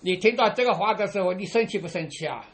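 Woman preacher, sermon, very lively pitch, rhetorical questions, drawn-out filler sounds. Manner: asks listeners rhetorical questions; pads phrases with drawn-out "ah" fillers. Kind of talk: sermon to a congregation.

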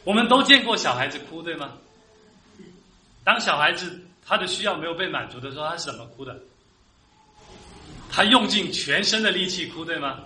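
A man's voice: a little high, animated, fairly quick, pauses often, bright, forceful tone, reverberant, low-quality recording. A man preaching a sermon as pastor, earnest and rising to emphatic peaks.

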